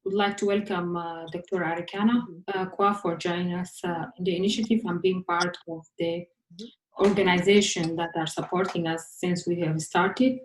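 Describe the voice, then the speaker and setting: A woman's voice: on the low side, steady tone, moderate pace, slight background noise. Hesitant woman host in an echoey room. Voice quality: hesitant, many fillers. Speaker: host and moderator. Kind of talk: formal welcome address. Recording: roomy echo.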